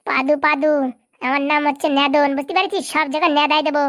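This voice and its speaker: A woman acting in a comic sketch, fast, loud and dramatic. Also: high-pitched, steady tone. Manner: rapid, shouting, dramatic. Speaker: comedy sketch performer.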